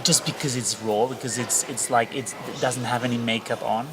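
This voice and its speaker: A man's voice: mid-range voice, steady tone, normal speed, noisy background. A man hosting an interview, asking long, rambling questions with many restarts. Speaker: interviewer, host. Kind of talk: casual conversation.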